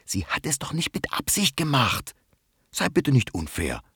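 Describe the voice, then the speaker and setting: A man voicing a kind, soothing little critter in a children's story, speaking gently. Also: high-pitched, moderate pace, husky, no room sound, studio quality, voice pushed up, exaggerated voice. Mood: gently scolding. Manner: gentle, calming, scolding softly.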